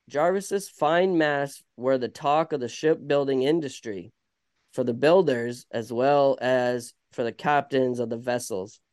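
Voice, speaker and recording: A man's voice: medium pitch, darkish tone, clear, resonant tone, no echo, studio quality. A man with a Vermont accent reading aloud casually, stumbling and correcting himself as he goes. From Vermont, United States. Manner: halting, stumbling and self-correcting. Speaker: podcast host reading a story aloud.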